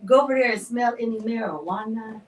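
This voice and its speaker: A woman in her fifties hosting a radio chat show, chatty and pitching products. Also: fairly quick, roomy sound, distant mic, slight background noise. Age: 50s. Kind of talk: casual chat. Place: radio studio.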